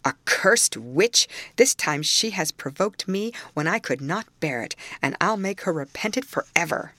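A man's voice: on the high side, expressive, unhurried, bright, forceful tone, dry recording, heavily acted. A woman voicing a savage, domineering middle-aged master of the house in an audiobook, commanding and menacing. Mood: furious, menacing.

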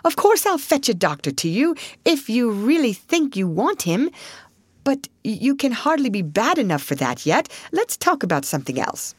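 A woman doing a hearty, brisk water rat. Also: fairly high pitch, very animated, husky, no echo, voice pushed up. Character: brisk cheerful male water rat, practical.

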